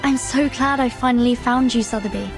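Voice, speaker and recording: A woman's voice: fairly high pitch, brisk, music in the background, lightly acted. A woman voicing a composed, polite young woman in a game cutscene. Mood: calm. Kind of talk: video game cutscene dub.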